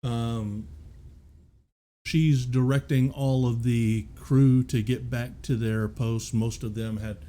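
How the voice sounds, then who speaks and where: A male game master narrates a tabletop scene in a slow, unhurried voice. His tone is mellow and dark. He hesitates often, filling the pauses with "uh" and "um". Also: mid-range voice, flat delivery. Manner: slow, hesitant, many fillers.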